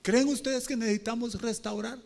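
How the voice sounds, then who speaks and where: A man preaching a sermon as pastor, moving from low talk to shouted pleas and calling on the congregation with questions. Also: steady tone, a little fast. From Honduras.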